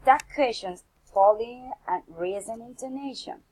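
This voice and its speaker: Slow careful woman reading drills. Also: a little high, darkish tone, a little hiss or hum, low-quality recording. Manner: deliberate, reads word lists and sentences one by one with pauses. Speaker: English learner reading practice drills.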